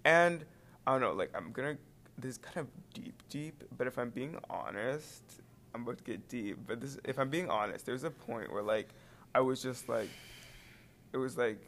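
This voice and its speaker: Hesitant teen boy, bright voice. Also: medium pitch, normal speed, slight background noise. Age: teens. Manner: rambling, hesitant, many fillers. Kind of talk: casual chat.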